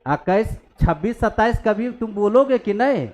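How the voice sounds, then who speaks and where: A man's voice: high voice, animated, moderate pace, darkish tone. A male maths teacher, scolding his class bluntly and then working through a calculus problem on the board. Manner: scolding, blunt, mixes English maths terms. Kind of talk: classroom lecture, scolding students.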